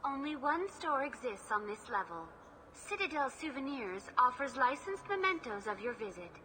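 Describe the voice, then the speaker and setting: A woman's voice: sits high, sing-song, moderate pace, bright, forceful tone, slight background noise, full character voice. A woman voicing a polite female AI information hologram who speaks in formal, scripted phrases. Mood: courteous.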